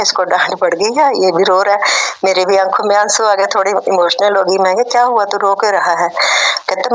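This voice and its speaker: A woman's voice: mid-range voice, lo-fi sound. A middle-aged woman tells a devotional testimony in a conversational, emotional way, acting out family dialogue. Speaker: devotee sharing a satsang testimony.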